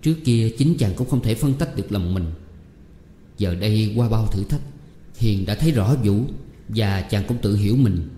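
Warm-voiced man narrating a novel. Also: on the low side, moderate pace, slight background noise. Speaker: audiobook reader. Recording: echoey room with long reverb.

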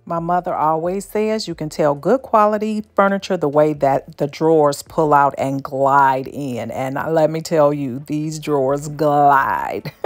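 A woman's voice: low voice, unhurried, faint music behind. An older woman narrating a casual shop-with-me video in a furniture outlet store, chatty with folksy asides, recorded on a handheld phone. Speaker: shopping vlogger.

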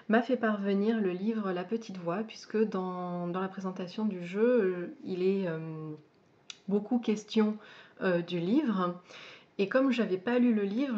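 A woman hosting a casual video where she presents a book, speaking hesitantly with frequent fillers, pauses and restarts. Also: mid-range voice, darkish tone. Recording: dull lo-fi sound.

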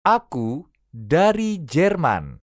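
A language teacher reads short phrases slowly and carefully, repeating each one three times. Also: mid-range voice, big pitch swings, dry recording, clean studio sound. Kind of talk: reading phrase drills.

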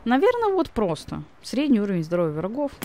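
A woman's voice: medium pitch, huge pitch swings, brisk, mellow, a little hiss or hum. A woman giving casual let's play commentary with informal, rambling asides. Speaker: game streamer.

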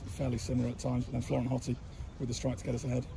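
A man interviewing after a football match, briskly summing up the game before each question. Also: medium pitch, monotone, vocal fry. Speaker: club interviewer. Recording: noisy outdoor setting with traffic.

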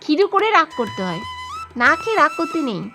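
A woman's voice: high-pitched, huge pitch swings, brisk, music in the background. A young woman cooing affectionately in baby talk to a sulking pet.

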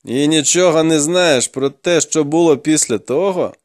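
A man's voice: fairly high pitch, moderate pace, natural voice. A man voicing a grim male warrior who taunts and interrogates a captive in an audiobook. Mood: taunting, grim. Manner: taunting, commanding, gruff.

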